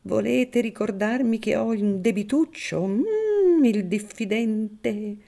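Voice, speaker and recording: A woman reading aloud voices a crafty, scheming male priest, drawing out her words slowly. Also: fairly high pitch, expressive, vocal fry, dark tone, voice pushed up, exaggerated voice. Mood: sly.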